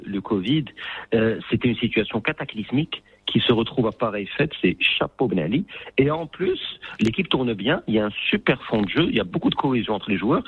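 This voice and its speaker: Husky man on a tinny phone line. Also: on the low side, no echo. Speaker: football pundit. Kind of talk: radio sports analysis.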